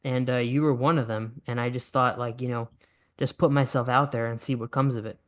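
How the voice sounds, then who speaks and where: A man's voice: medium pitch, fairly even intonation, a little fast, a bit bright. A nineteen-year-old man, a podcast guest, talking in an easygoing, enthusiastic way full of fillers. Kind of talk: casual interview chat.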